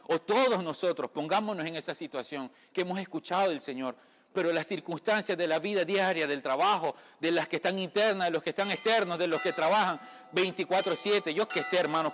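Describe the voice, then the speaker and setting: Speaking conversationally, a lay preacher from the Caribbean delivers an informal sermon, repeatedly addressing listeners as brother and checking they're with him. The voice sits high and a bit bright, with long room reverb on the recording.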